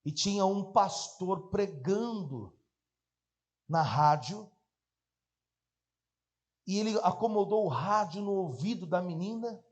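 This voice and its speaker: A male pastor with a Brazilian accent, telling a story in a sermon and swinging between hushed passages and shouting. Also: high voice, animated, slow pace, long pauses. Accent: Brazilian Portuguese.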